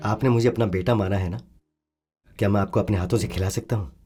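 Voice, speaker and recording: An actor dubbing a principled officer who speaks earnestly and persuasively in a Hindi film dub. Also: male voice, fairly low pitch, steady tone, fast, warm tone, slightly rough, faint music behind. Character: calm, principled young male officer. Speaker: officer, hero.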